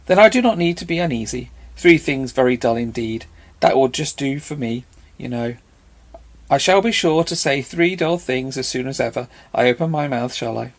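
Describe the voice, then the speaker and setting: A man's voice: mid-range voice, lively intonation, normal speed. A man voicing a chattering old spinster. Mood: flustered. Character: older spinster, chattering and eager to please.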